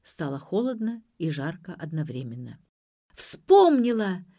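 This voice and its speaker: A woman narrates a first-person audiobook with a low, mellow voice. Her delivery is even and measured. Her tone is warm and unhurried. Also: no echo, studio quality. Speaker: audiobook reader.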